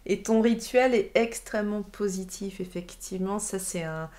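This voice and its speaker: This is casual livestream chat from a woman in her late thirties who co-hosts the stream and responds to viewer messages. Her mid-range voice is a little mellow, and her pace is normal. It was recorded via webcam on the livestream.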